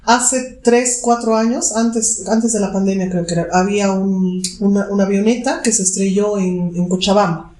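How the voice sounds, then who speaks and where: A woman's voice: medium pitch, fairly even intonation, moderate pace, mellow, roomy sound. A woman psychologist, answering interview questions and explaining with vivid examples. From Bolivia. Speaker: guest psychologist.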